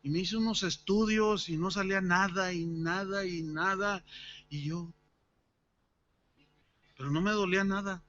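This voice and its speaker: A man's voice: high-pitched, a little slow, pauses often, highs cut off. A man preaching at a church service, telling a personal story and acting out its dialogue. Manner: animated, acts out the dialogue of his story. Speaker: pastor.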